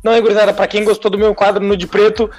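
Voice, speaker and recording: A man's voice: high-pitched, level tone, rapid-fire, a little mellow, faint music behind. A man with a southern Brazilian accent, a podcast co-host teasing his friends in casual chat. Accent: southern Brazilian, Rio Grande do Sul. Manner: teasing, mock-promotional.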